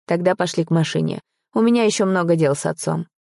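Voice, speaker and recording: A woman voicing a brooding young man in a wheelchair, gruff and bitter but tender. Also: fairly low pitch, fast, darkish tone, dry recording, clean studio sound.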